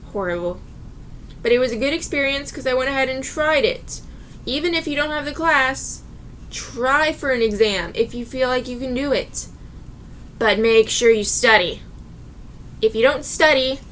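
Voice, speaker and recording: A woman's voice: a little high, a bit bright, slight background noise. A young adult woman ranting casually to her viewers, chatty and reassuring, with sudden outbursts. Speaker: vlogger. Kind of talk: casual advice rant to camera.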